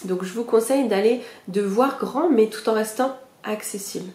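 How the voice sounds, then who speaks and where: A woman's voice: fairly high pitch, normal speed, darkish tone, reverberant. A young woman hosting a podcast, explaining a goal-setting method in a casual, chatty way, with many fillers and direct, reassuring asides to her listeners. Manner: chatty, many fillers, self-mocking laughs. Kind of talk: casual spoken lesson.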